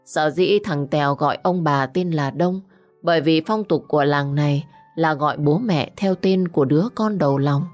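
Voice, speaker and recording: Low-voiced woman narrating a story. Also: a little mellow. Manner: slow, measured, dramatic storytelling. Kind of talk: scripted audio story narration. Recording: faint background music.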